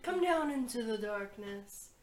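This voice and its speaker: A woman voicing a sinister, gravelly male voice calling up from a dark pit in a tabletop game. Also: fairly high pitch, lively intonation, measured pace, a little hiss or hum. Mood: menacing. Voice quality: gravelly, whispering.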